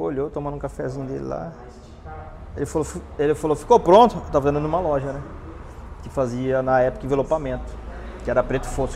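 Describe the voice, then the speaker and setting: Fast-talking Brazilian man teaching in a workshop. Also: on the high side, creaky. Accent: Brazilian Portuguese. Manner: animated, explains while pointing at the car. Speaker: paintless dent repair instructor. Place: large indoor car repair workshop. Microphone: lapel mic.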